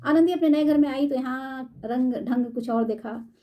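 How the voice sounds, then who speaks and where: A woman storyteller reading a classic short story aloud in a measured, formal way. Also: high-pitched, mellow.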